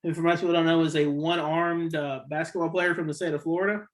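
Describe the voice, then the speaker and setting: A man's voice: fairly high pitch, little pitch movement, fast talker. A man hosting a casual sports podcast, rambling and opinionated, correcting himself often, with the hiccups. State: has the hiccups. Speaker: podcast host.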